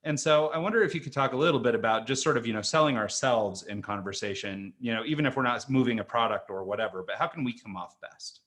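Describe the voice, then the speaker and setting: A man's voice: mid-range voice, quick pace, few pauses, fairly bright tone. A man with an American accent hosting a podcast interview. He muses aloud with frequent fillers and qualifiers. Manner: thoughtful, hedging, many fillers. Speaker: podcast host. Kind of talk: conversational interview.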